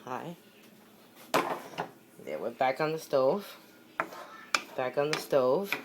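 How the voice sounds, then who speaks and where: Low-voiced woman in a noisy kitchen. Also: animated, takes it slowly. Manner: chatty, encouraging, repeats short phrases as she works. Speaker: home cook hosting a cooking video. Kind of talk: casual cooking demonstration. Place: home kitchen at the stove. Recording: noisy kitchen with sizzling and pan clatter. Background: sizzling, stirring, clinking pans.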